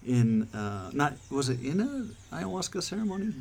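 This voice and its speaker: Gravelly-voiced man hosting on a deck. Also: fairly high pitch, big pitch swings, normal speed, a little mellow. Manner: hesitant, many fillers and restarts. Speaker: podcast host. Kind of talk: casual chat. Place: outdoor deck. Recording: background noise outdoors.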